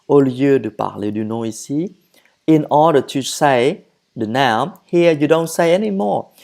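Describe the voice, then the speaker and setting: A French teacher giving a slow grammar lesson, switching between French and English, repeating phrases and correcting herself or himself. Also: mid-range voice, darkish tone. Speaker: language teacher.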